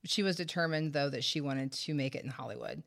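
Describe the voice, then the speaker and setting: A woman with a low, slightly bright voice and vocal fry talks a little fast as she hosts a true-crime podcast. She tells the story conversationally with sarcastic, wry asides, sounding congested and out of breath from a head cold.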